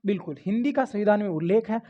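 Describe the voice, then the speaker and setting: A man's voice: sits high, expressive, fast, warm tone. Male tutor, exam-prep lecture, repeats rhetorical questions, dull lo-fi recording. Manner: repeats questions to students and answers them himself. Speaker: Hindi grammar teacher. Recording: dull lo-fi audio.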